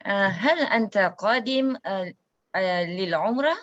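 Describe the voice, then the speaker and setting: A woman's voice: medium pitch, expressive, moderate pace, dull audio, a little hiss or hum. A woman practicing Arabic phrases in an online class, hesitating and searching for words. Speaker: student. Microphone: video call.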